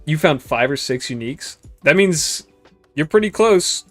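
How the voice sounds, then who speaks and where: A man's voice: a little high, measured pace, soft background music. Young man casually rambling over gameplay. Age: 20s. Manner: relaxed, rambling, swears casually. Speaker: gaming streamer. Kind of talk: casual gameplay commentary chatting with viewers.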